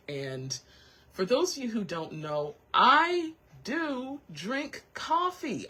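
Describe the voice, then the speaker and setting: A woman hosting a radio show, chatting in an animated, sassy way. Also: slightly rough. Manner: animated, sassy, swoops into high excited squeals. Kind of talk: casual talk radio chat. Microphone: studio microphone.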